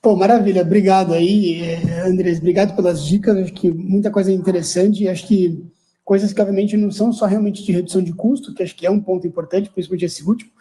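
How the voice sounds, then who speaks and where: A man's voice: high-pitched, steady tone, fast, mellow, rough recording. A man hosting a webinar who reads out audience questions and rambles, repeating words as he goes. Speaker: webinar host. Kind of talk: moderating a webinar.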